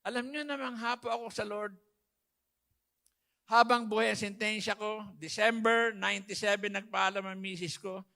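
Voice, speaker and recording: High gravelly man preaching. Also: fairly even intonation, moderate pace, bright, forceful tone. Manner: emotional, quotes scripture, addresses listeners as brothers and sisters. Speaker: pastor giving his testimony. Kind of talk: sermon testimony.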